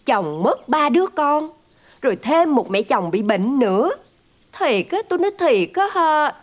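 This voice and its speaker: A woman's voice: sits high, big pitch swings, a little slow. Smug gossiping single woman. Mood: mocking. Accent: Southern Vietnamese. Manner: mocking, nosy, boastful. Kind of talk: TV drama acting.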